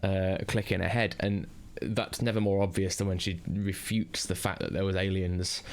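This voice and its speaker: A man's voice: sits low, creaky. A man with a Northern English accent giving a casual, rambling spoken TV review, full of fillers and restarts. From Northern England.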